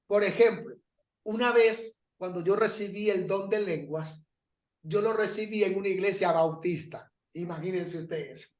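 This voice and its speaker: High-voiced, animated man teaching a Bible class. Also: unhurried, roomy sound. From Paraguay. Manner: storytelling, animated, laughs often. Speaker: pastor teaching an online class. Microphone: video call.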